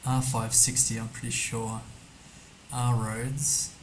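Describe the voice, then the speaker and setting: A man's voice: mid-range voice, little pitch movement, slow pace, a little hiss or hum, rough recording. A man streaming a map game, thinking aloud casually as he mutters guesses and reads numbers to himself. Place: indoor streaming setup.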